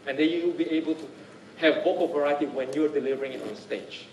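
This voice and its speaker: A man's voice: on the high side, fast, echoey room, recorded from a distance, a little hiss or hum, low-quality recording. A man leading a speaking skills workshop, talking to the class and often checking in with "right?". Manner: lively, keeps checking in with "right?". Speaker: workshop trainer. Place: workshop room.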